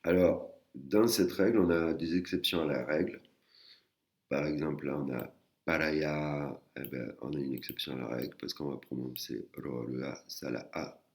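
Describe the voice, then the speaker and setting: A man teaching a language lesson in a casual, hesitant way, with many fillers, slowly sounding out syllables. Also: very deep voice, darkish tone.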